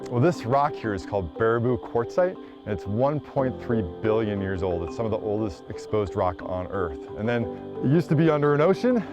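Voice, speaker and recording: Casting: male climbing guide, lowish voice, casual and encouraging instruction, recorded outdoors over a music bed. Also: expressive, a little fast, muffled recording. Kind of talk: casual interview talk and on-location instruction. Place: outdoors on wooded trail and cliffs.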